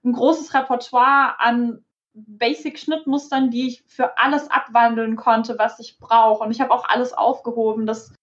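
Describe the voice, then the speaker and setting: Woman, rather high voice, casual explainer, conversational panelist, slightly lo-fi muffled sound. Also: level tone, a little slow, a bit bright. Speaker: panelist, costume maker.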